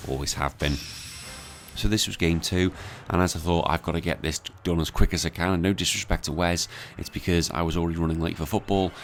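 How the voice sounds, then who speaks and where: A man's voice: low voice, a little hiss or hum. A young British man giving casual game battle commentary, keeping his voice down and subdued at night. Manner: subdued, hushed voice kept down at night. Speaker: gaming content creator. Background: clear background music.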